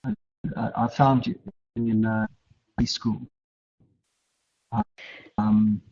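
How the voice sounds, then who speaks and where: Husky man on a dropping-out call line. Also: mid-range voice, fairly even intonation, a little mellow. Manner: halting, with many restarts and fillers. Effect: choppy audio dropping out, uneven volume. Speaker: conference speaker. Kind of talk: unscripted conversation over an online call. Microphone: video call. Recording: dull lo-fi call audio.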